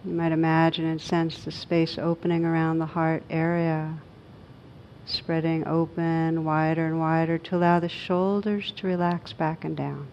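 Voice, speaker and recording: A woman guides a meditation, her low voice holding very steady. She speaks gently and spaciously, giving brief instructions separated by pauses. The recording sounds a bit dull, with slight background noise, and she is a meditation teacher.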